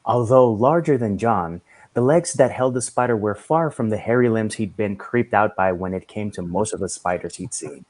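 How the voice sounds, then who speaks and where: Low-voiced man reading a story. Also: moderate pace, darkish tone. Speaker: reader. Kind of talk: reading fiction aloud.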